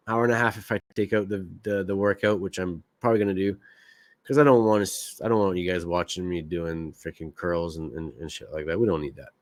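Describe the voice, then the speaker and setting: A man hosting a solo podcast from Quebec, Canada chats frankly and meanders, filling gaps with filler words. He has a fairly low voice, and the recording is dry.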